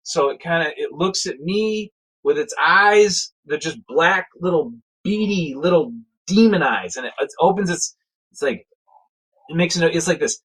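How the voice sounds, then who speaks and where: A man telling a casual spoken anecdote in a rambling, animated way, full of fillers and restarts. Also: fairly high pitch, normal speed, slightly rough, rough recording. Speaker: storyteller.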